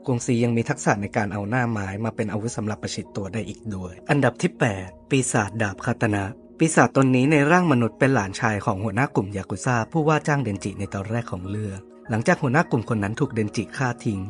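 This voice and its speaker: A man reads a scripted ranking voice-over at a brisk clip, his delivery steady and informative. His voice sits at an ordinary middle pitch. Soft background music plays quietly beneath him. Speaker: channel host. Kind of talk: scripted narration.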